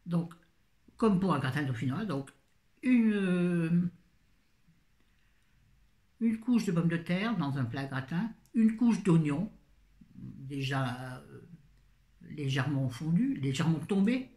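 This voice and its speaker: A woman's voice: low voice, animated, takes it slowly, long pauses, warm tone. A middle-aged woman chatting casually through a grocery haul, rambling with self-mocking asides. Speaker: vlogger. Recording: echoey room.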